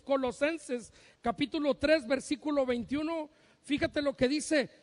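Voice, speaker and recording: Pastor, very high male voice, jokey preaching that acts out family voices, long church-hall reverb. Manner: humorous, acts out parents' and sons' voices. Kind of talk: sermon.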